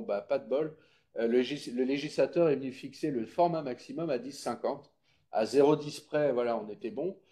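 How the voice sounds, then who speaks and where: This presenter at a public consultation meeting has a warm, mid-range voice. He explains things informally and didactically, making sure the audience keeps up, and fields questions as part of his talk.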